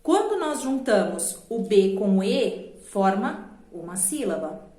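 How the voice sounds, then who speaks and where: A woman with a Brazilian Portuguese accent teaching a children's grammar lesson, patiently slowing down to spell out letters and syllables. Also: medium pitch, very animated, warm tone. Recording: echoey room.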